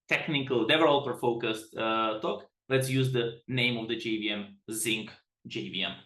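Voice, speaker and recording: A man's voice: medium pitch, fairly bright tone, roomy sound. A man from the Czech Republic giving a webinar presentation as a product director, chatty and self-deprecating, often restarting his sentences.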